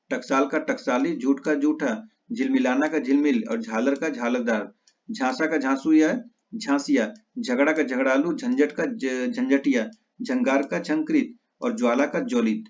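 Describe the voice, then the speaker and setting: A male teacher giving an exam-prep lesson, reciting word pairs in quick lists and correcting his own slips. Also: mid-range voice. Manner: rapid list recitation with self-corrections. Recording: slightly dull lo-fi audio.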